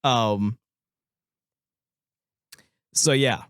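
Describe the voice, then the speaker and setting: A man's voice: mid-range voice, extremely slow, fairly bright tone, smooth, no echo, clean studio sound. Man laughing through casual film chat. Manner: laughs often, acts out lines in put-on voices. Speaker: podcast co-host.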